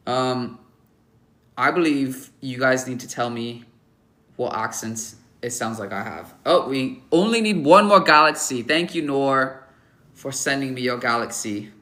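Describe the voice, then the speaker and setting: A young man hosting a casual livestream rates viewers' photos through his mic in a bright, forceful, mid-range voice at a slightly slow pace. His verdicts are blunt and offhand, full of ums and restarts, and he jokes around and teases his chat easily.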